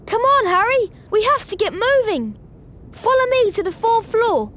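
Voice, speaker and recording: A woman voicing an excitable, blunt young schoolboy wizard with a British accent in a video game cutscene. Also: very high-pitched, normal speed, heavily acted. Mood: impatient. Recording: music behind the voice.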